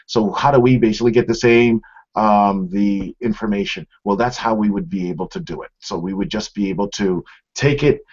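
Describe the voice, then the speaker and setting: Dull, lo-fi webcam sound carries a middle-aged man's informal product demo from a small office room indoors. He talks conversationally right to viewers at a normal speed, his lowish voice a little mellow.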